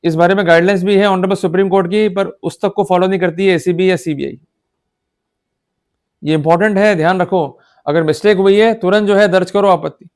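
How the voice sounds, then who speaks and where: A fairly quick law lecturer with an Indian accent and a high, darkish voice explains legal concepts in Hindi, using English legal terminology. His intonation stays fairly even as he drives points home didactically and keeps checking understanding with brief questions.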